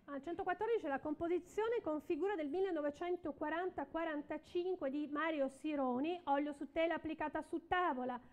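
A woman's voice: high-pitched, brisk, few pauses, a little mellow, lo-fi sound. A middle-aged woman working as an auctioneer at a live art auction, calling lots and repeating bids and counts in short phrases. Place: indoor auction room, at a podium.

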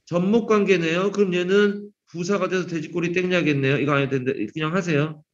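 A man's voice: high-pitched, fairly even intonation, fairly quick. A man teaching an English grammar class to middle school students, quizzing them by name and teasing them with jokes. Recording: dull lo-fi sound.

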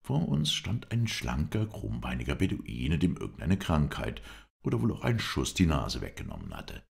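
Male audiobook narrator, extremely deep voice, gravelly, lively intonation, storytelling read. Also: normal speed. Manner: even, storytelling delivery. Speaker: audiobook reader. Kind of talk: audiobook narration of an adventure novel.

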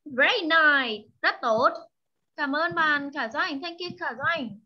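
A high-pitched woman with a Vietnamese accent leads an online English lesson for young learners. She drills each vocabulary word slowly, repeating it many times and moving between English and Vietnamese. Her voice comes through slightly muffled call audio. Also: animated.

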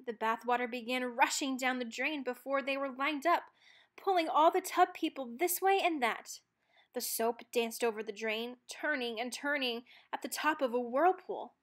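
A woman with a high-pitched voice reads a children's storybook aloud, narrating in an expressive style.

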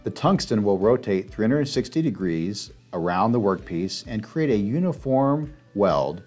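Male voice-over, very low pitch, steady instructional read, faint music behind. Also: measured pace. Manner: steady instructional step-by-step delivery. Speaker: narrator of a demonstration video. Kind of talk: scripted narration.

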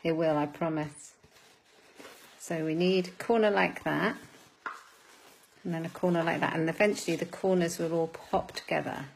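A woman's voice: low-pitched, steady tone, moderate pace, creaky, pauses often, a little hiss or hum, poor audio. Chatty woman demonstrating a craft live. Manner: chatty, greets viewers by name; laughs at her own fumbles.

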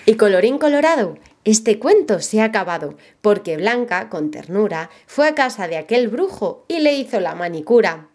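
Female storyteller for a children's tale, expressive with a lively, animated pitch. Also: moderate pace, hardly any pauses.

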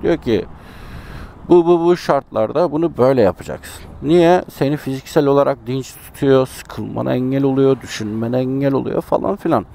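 A man's voice: a little high, gravelly, dark tone. A Turkish man chatting casually to his viewers while riding a motorbike through city traffic, musing and commenting on the road. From Turkey. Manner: chatty, musing, talks to himself about the road. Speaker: motovlogger. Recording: faint road and engine noise.

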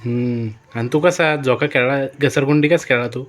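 A man's voice: mid-range voice, moderate pace. A man at home filming a small child, playfully coaxing with repeated questions. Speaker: parent filming a toddler.

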